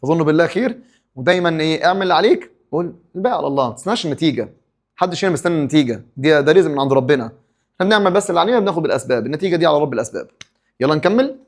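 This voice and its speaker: A man's voice: fairly high pitch, expressive, very fast. A man with an Egyptian Arabic accent teaching an English exam review, asking and answering his own questions and stopping for pep talks.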